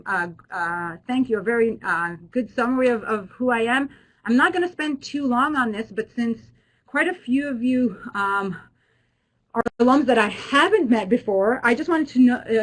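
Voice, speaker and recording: A woman's voice: a little high, a bit bright, rough recording. A woman professor who grew up in Israel, hosting an online alumni webinar in a friendly way with many fillers and restarts. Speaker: business school professor.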